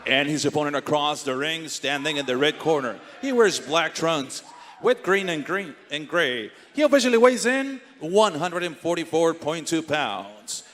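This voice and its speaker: This is a man announcing a fight from the center of the cage in a high voice. His delivery swoops up and down a great deal, formal and ceremonial. He stretches the fighters' names into long, booming calls. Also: lively intonation, normal speed, noisy background. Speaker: ring announcer. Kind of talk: bilingual fight introductions.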